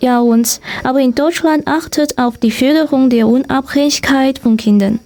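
Young woman guest, Chinese accent, high and mellow voice, careful prepared German answers. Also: moderate pace. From China. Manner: reads prepared answers with some hesitation. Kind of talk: prepared answers in a student radio talk.

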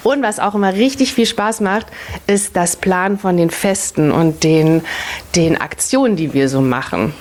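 Frau Mitte dreißig, erklärt Kindern geduldig und einfach, wiederholt ihre Fragen. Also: female voice, fairly low pitch, normal speed, a little mellow. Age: 30s. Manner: patient, child-directed, repeats children's questions back. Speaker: family office employee interviewed by children. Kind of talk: explaining simply to children.

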